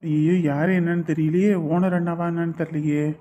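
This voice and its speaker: A man's voice: fairly high pitch, level tone, fairly quick, mellow, lo-fi sound. A man playing a son who speaks in a plain, polite, attentive way. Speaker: son in the drama. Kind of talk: Tamil village web drama acting.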